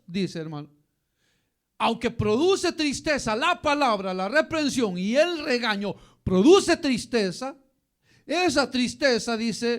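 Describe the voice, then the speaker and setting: A man preaching a Bible study sermon as pastor, often calling his listeners "brother". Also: very high-pitched. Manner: addresses listeners as "hermano" often, animated preaching.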